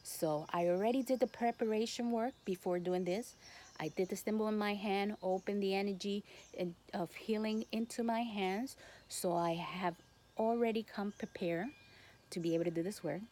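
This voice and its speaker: A woman who is a native Spanish speaker guides a listener through a spiritual healing session in accented English. Her voice sits at a medium pitch, and she talks in short, halting phrases with non-native grammar. There is noticeable noise in the background of the recording. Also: dark tone. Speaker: Reiki healer and instructor. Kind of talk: guided spiritual instruction to camera.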